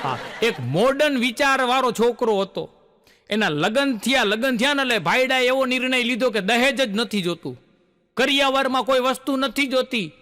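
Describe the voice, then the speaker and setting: Bright, high-voiced comedian. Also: male voice, animated, moderate pace. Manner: folksy storyteller acting out quoted characters. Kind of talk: stand-up joke telling. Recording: long hall reverb.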